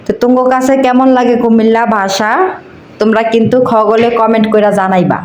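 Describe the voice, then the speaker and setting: Speaking fairly quickly in a steady, slightly mellow, high-leaning voice, a woman from Cumilla, Bangladesh, casually narrates her cooking in Cumilla Bengali. She chats with viewers as friends, and the reverberant recording carries a touch of hiss or hum.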